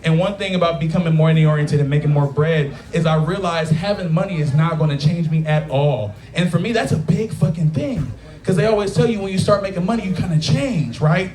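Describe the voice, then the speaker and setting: This thirty-something comic has a high-pitched, slightly mellow voice and talks a little fast. Performing crude, conversational stand-up in a taproom, he keeps checking in with the crowd while laughter echoes through the bar.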